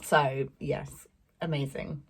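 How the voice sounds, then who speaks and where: A woman's voice: very deep voice, flat delivery, takes it slowly, creaky, slightly rough. A young woman chatting casually about fabric she bought, rambling with lots of fillers and little laughs. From England. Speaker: sewing vlogger. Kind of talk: casual fabric haul chat.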